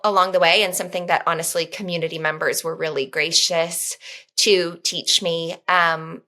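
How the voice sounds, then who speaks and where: Woman guest on a podcast, lowish voice, pretty bright, thinks out loud with lots of ums. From United States. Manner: earnest, reflective, many pauses and fillers. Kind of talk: podcast conversation.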